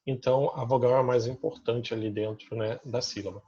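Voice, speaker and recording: A man with a Brazilian Portuguese accent teaches grammar, pointing out examples on the slide one by one. His voice is a little husky and sits at an ordinary pitch. The recording sounds dull and lo-fi. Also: steady tone, a little fast, warm tone. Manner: checks in with listeners through constant tag questions. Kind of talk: remote grammar lesson explaining slides.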